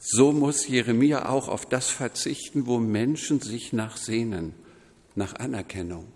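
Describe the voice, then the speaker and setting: A man preaching a sermon in a measured, deliberate way, quoting scripture voices as he goes. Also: medium pitch, darkish tone, in a large hall. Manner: slow, measured preaching with quoted voices woven in.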